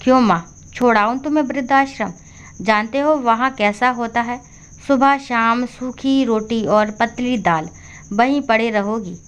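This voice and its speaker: A woman's voice: on the high side, unhurried, smooth, close to an everyday voice. A woman voicing a tired, short-tempered grown son who speaks curtly in a storybook. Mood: angry. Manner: curt and irritated.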